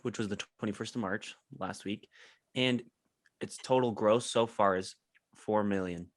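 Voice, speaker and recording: A young man hosts a casual movie podcast in a lowish voice. He talks in a laid-back way, and his sentences often trail off softly. The recording is close and dry. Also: a little slow, no room sound. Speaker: podcast host. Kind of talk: casual chat.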